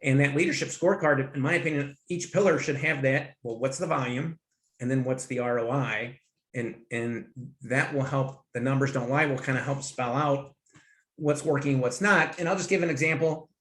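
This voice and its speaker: A man's voice: medium pitch, normal speed, fairly bright tone. A man who is a guest on a business podcast, talking enthusiastically and rambling with restarts. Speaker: guest, finance consultant. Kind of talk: conversational interview. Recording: roomy echo.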